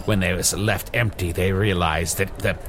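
A man playing a pompous old wizard in improvised fantasy comedy, with grandiose, halting, mock-archaic speech. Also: low-pitched, steady tone, a bit bright, a little hiss or hum. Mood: grandiose, mock-solemn. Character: pompous, theatrical old wizard, male, faking his own death.

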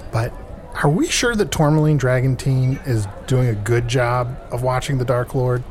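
A man's voice: mid-range voice, normal speed, darkish tone, lightly acted. Man as an inquisitive adventurer, hesitant, noisy background. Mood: uneasy, curious. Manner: conversational, hesitant, questioning. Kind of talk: improvised comedy dialogue.

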